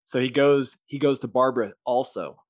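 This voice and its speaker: A man's voice: mid-range voice, normal speed, no room sound, studio quality. Man co-host spinning a comic story, loose and slangy, full of fillers. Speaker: podcast co-host. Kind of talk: casual brainstorming chat.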